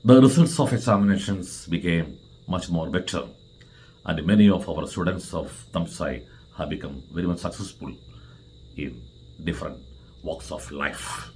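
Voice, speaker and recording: A middle-aged man with an Indian accent gives a farewell speech as a school vice principal, in earnest, deliberate phrases with emphatic repetition. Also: low voice, a little mellow, a little hiss or hum, rough recording.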